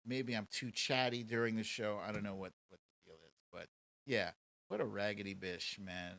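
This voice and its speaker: This livestream host is an American man with a lowish, gravelly, somewhat bright voice at a moderate pace. Running a live commentary show, he banters mockingly and answers viewers' questions in everyday slang.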